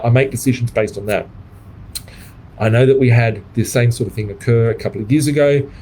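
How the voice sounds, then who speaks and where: A man's voice: medium pitch, darkish tone, a little hiss or hum, poor audio. A middle-aged Australian man who coaches property investors, talking bluntly and swearing in a livestream monologue, often tagging "right?" on his points. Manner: blunt, swears freely, keeps adding "right?".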